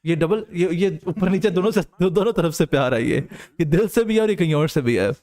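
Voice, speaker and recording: Young male streamer, slightly high voice, tired and jokey. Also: expressive, a little fast, darkish tone. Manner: joking, banters with chat, lapses into crude banter. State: tired from no sleep. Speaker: streamer and caster. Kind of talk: casual chat reading live comments.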